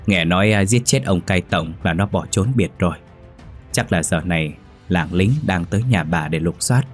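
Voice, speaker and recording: A man's voice: sits low, moderate pace, faint music behind. A man voicing plain, chatty village farmhands who gossip offhandedly.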